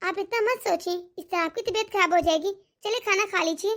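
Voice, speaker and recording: A woman's voice: extremely high pitch, brisk, a bit bright. A woman voicing a sensible young daughter-in-law in a cartoon, polite and reassuring. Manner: polite, reassuring, level-headed. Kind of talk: cartoon dialogue.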